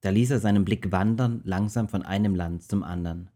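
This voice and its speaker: A man reading a rhymed children's Bible story aloud with a steady, rhythmic verse delivery. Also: deep voice, normal speed.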